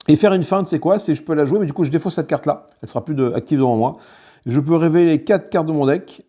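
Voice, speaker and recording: On his board game channel, a man with a medium-pitched, mellow voice walks viewers through a solo game. He explains the card rules as he handles components, often using fillers and restarting sentences.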